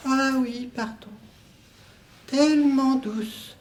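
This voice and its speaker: A man's voice: very high-pitched, steady tone, drawn-out words, pitched above the performer's own voice, full character voice. A young man playing a young woman lover who turns aside questions with short, hesitant denials. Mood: evasive. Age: young adult. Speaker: student actor. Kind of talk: solo stage reading of a play. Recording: roomy echo.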